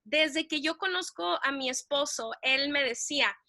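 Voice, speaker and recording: A woman co-hosting a faith podcast, telling a story in an animated way, laughing often and slipping in English phrases. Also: sits high, unhurried, no echo, studio quality. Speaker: podcast co-host.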